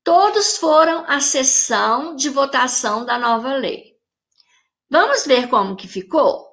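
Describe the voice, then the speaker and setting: A woman with a Brazilian Portuguese accent records a grammar lesson for children, explaining things slowly and carefully to her pupils. Her voice is high-pitched, expressive, and a bit bright.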